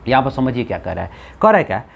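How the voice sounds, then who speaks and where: A man's voice: mid-range voice, very animated, rapid-fire, gravelly, breathy edge. A man with a Bihari Hindi accent teaching Hindi grammar, asking the class questions, answering them himself and repeating key points. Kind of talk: classroom-style lesson.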